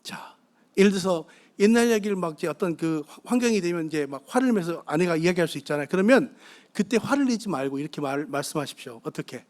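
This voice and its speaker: Middle-aged male preacher with a high, lively voice, talking with and questioning a congregation. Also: fast talker. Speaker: guest pastor. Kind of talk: sermon on marriage. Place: church sanctuary.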